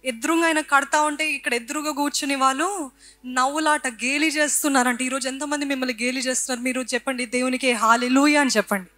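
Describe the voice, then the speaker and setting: A woman's voice: high voice, fairly even intonation, fast, sharp tone. A woman with a Telugu accent preaching a sermon, emphatic and repetitive, switching between Telugu and English lines. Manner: emphatic, repeating phrases, mixing in English lines.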